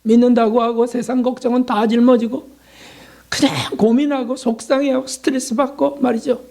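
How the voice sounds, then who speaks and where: A man's voice: very high-pitched, little pitch movement, moderate pace, gravelly, darkish tone. A male pastor giving a sermon in a conversational way, asking rhetorical questions and acting out short prayers and dialogues.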